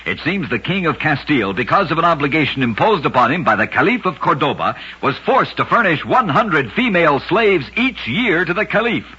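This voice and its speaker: On an old-time radio program, a man with a husky, sharply bright, somewhat high voice tells strange true tales briskly and emphatically. His sentences swing up and down with lively stress, and each story ends on a punchy catchphrase. The old broadcast sounds dull and lo-fi.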